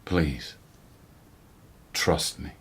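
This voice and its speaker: An actor playing a patient, devoted police lieutenant of an imperial court in a radio drama, asking questions in a quiet, measured, gently pressing way. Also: male voice. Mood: earnest, tender. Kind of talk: literary radio drama acting.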